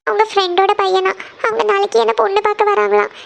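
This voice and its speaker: A woman's voice: very high-pitched, level tone, fast talker, gravelly, full character voice. [name], a woman voicing a tearful cartoon big sister. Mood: tearful, worried. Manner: tearful, pleading, dwells on family hardship. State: crying. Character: worried young woman, eldest sister of a struggling family. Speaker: elder sister who gives tuition lessons.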